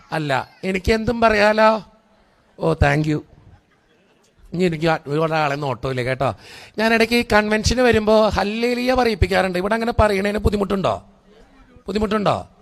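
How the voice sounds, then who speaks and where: A man's voice: high-pitched, gravelly, fairly bright tone. A man, a priest preaching at a convention, teasing the crowd and leading them in call-and-response. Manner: teasing, joking with the crowd, repeating commands. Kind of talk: lively sermon with congregation call-and-response.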